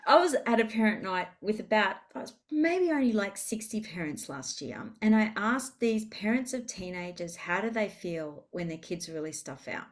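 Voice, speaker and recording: A woman, a parenting specialist speaking as a podcast guest, animated and emphatic as she tells stories from her work with parents. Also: medium pitch, moderate pace, hardly any pauses. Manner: animated and emphatic, with vivid storytelling. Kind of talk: conversational interview.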